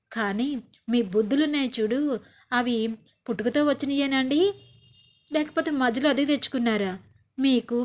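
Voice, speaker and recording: A woman's voice: high-pitched, lightly acted. A woman voicing a clever young wife who answers back with cutting, indignant retorts. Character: clever young wife, proud and quick-witted.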